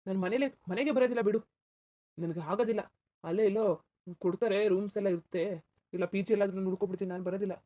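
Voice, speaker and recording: A woman's voice: medium pitch, steady tone, warm tone, close to an everyday voice. A woman voicing an exasperated office-going husband in a cartoon, scolding his wife. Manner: scolding, fast. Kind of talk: cartoon voice acting.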